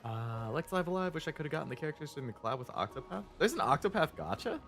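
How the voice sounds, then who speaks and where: A man streaming a video game with casual, amused commentary. His medium-pitched voice moves up and down a lot, in a laid-back chatty style, with game music playing behind him. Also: very animated, quick pace, gravelly, fairly bright tone. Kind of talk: casual gameplay commentary and chat.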